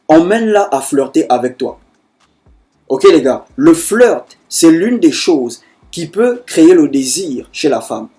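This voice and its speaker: A man talks straight to the camera with dating tips for other men. His voice sits a little high with a soft, mellow tone. He circles back over the same points and keeps calling the listener bro. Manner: repetitive, calls the listener bro. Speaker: dating advice coach. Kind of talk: casual advice monologue.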